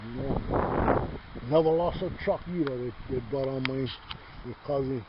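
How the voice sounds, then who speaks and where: A man's voice: mid-range voice, unhurried. A middle-aged man from Hawaii's Big Island with a Hawaiian Pidgin accent, talking casually outdoors in his yard, rambling, swearing freely and calling the listener brother. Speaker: host. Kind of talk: casual chat. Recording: dull lo-fi sound with faint noise.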